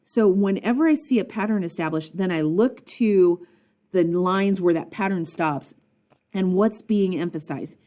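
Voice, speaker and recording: A woman teacher annotating a poem aloud in a recorded lesson, thinking out loud with frequent ums and posing questions to her students. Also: lowish voice, measured pace.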